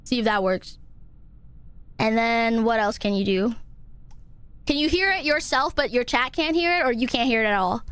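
A woman game streamer in casual banter with friends, crude, bossy and quick to swear. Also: fairly high pitch, lively intonation, a bit bright, clean tone, no echo.

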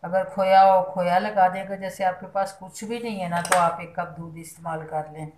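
In an echoey kitchen where pots and utensils clink faintly in the background, a cooking channel host demonstrates a home recipe. She's middle-aged, explains every step homely-style, and adds blessings, speaking in a fairly low, steady voice at a moderate pace over the noise.

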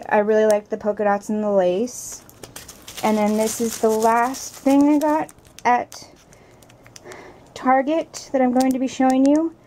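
A woman's voice: a little high, darkish tone, slight background noise, rough recording. A young woman vlogging from home, chatting casually about her shopping hauls and planner decorations, full of "like" and fillers. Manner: chatty, gushing, filler-heavy with "like". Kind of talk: casual show-and-tell vlog. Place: at home indoors.

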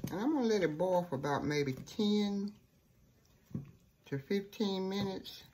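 A woman's voice: mid-range voice, animated, measured pace, dark tone. A woman hosting a home cooking show, talking folksy and chatty through each step in her kitchen. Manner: folksy, chatty, says "okay" often. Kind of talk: casual cooking demonstration. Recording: noisy home kitchen recording.

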